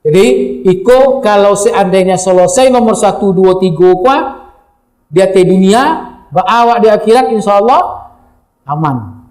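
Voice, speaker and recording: A man with a Minangkabau accent preaching a sermon, speaking straight to the listeners in a lively way. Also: high-pitched, measured pace, reverberant. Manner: lively, addresses the audience directly.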